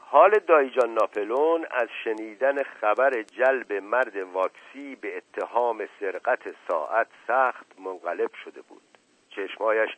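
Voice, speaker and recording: A male narrator reading a novel aloud in a measured, even audiobook style. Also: fairly low pitch. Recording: tinny narrow-band radio sound, dry.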